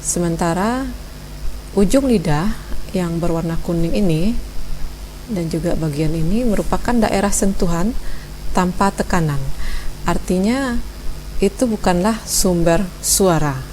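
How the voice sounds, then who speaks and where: Slow, measured woman teaching recitation. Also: on the low side, a little mellow, slight background noise. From Indonesia. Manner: slow, measured, demonstrating sounds. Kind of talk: instructional explanation.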